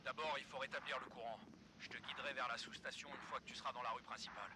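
An actor playing a steady male soldier in a French game dub, calmly giving instructions to an ally. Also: mid-range voice, rapid-fire, noisy background, close to an everyday voice. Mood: instructive.

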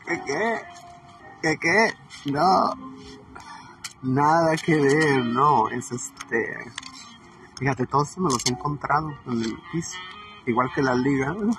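A man's voice: medium pitch, expressive, slow, long pauses, over music. A man with a Mexican accent playing a brash, crude, gossipy woman in a comedic character monologue. He rambles, swears and leaves sentences hanging. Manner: rambling, chatty, swears, trails off mid-sentence. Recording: distant mic with noisy ambience.

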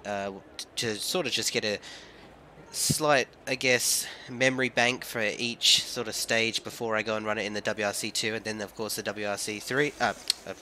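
A young man from England, husky and nasal from a cold, chatting casually as he plays and commentates a rally game. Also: fairly low pitch, steady tone, moderate pace, slight background noise. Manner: chatty, bursts into loud exclamations. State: has a cold. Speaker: gaming video host.

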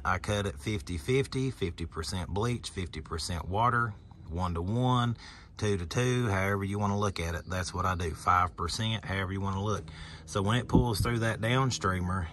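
A man who runs a pressure washing business, talking casually and plainly through his truck setup outdoors, pushing back at critics. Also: low-pitched. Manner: plainspoken, defensive toward critics. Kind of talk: casual walkthrough vlog. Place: outdoors by a pickup truck bed. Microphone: phone camera held by the speaker.

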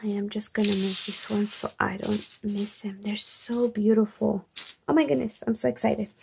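Woman vlogger, hushed late-night chat, excited and gushing, very fry-heavy gravelly voice, faint hiss. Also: mid-range voice, a little fast. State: speaking quietly late at night. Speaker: craft vlogger. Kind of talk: soft-spoken unboxing chat. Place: home at night.

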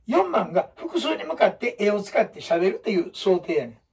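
Animated Kansai-accented man teaching. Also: moderate pace, breathy edge, distant mic. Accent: Kansai (Osaka). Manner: animated, emphatic, shifts between loud bursts and low asides. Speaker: storytelling teacher. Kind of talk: lecture to students.

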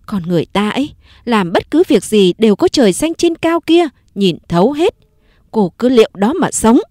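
A woman's voice: a little high, big pitch swings, normal speed, dark tone, no room sound, studio quality. A woman narrator voicing a proud, wronged young wife who speaks firmly and bitterly. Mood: defiant. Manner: bitter, firm and pleading.

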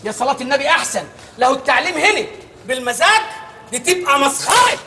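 A man's voice: very high-pitched, animated, fast talker, a little hiss or hum, heavily acted. An actor playing a stern, fussy Egyptian village schoolteacher who scolds his class in a comic drama. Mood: scolding. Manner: scolding, shouting orders, comic outrage. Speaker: strict village teacher.

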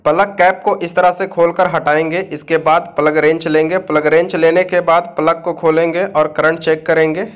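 A man's voice: on the high side, level tone, moderate pace, hardly any pauses. A man from India explaining a machine repair step by step, talking straight to viewers in a plain instructive way. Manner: plain instructive talk, addresses viewers directly. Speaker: repair channel host.

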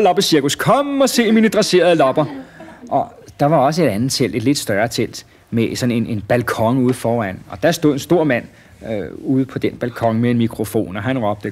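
A man narrating a children's story in a relaxed, lively way with small hesitations. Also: mid-range voice, slightly rough.

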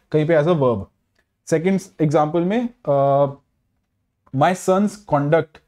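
Male grammar tutor, somewhat high-pitched but mellow, reads examples slowly, fillers between points. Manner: reads English example sentences slowly, then explains in Hindi; mixes Hindi and English, with frequent fillers. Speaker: English grammar teacher. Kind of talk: exam-prep lesson.

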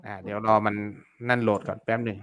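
Brief: man, live-stream teacher, bright forceful voice, chatty and repetitive with polite fillers. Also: fairly low pitch, little pitch movement, fast, slight background noise. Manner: chatty, repeats words and fillers, polite particles. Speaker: online seller teaching keyword research. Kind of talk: casual live-stream lesson.

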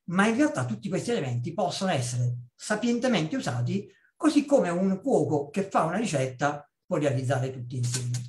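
A man in his fifties from Naples, a public speaking trainer giving a chatty webinar talk with personal stories, often checking in with a quick "ok?". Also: high voice, roomy sound. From Naples, Italy. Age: 50s. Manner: lively, conversational, checks in with "ok?" and tosses in blunt asides. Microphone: video call.

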